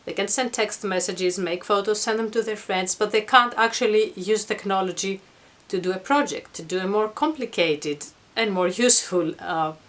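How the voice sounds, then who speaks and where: A woman's voice: mid-range voice, normal speed, hardly any pauses, fairly bright tone. A middle-aged woman giving an informal explanatory talk to camera in a reflective, earnest, conversational manner. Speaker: vlogger. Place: attic at home.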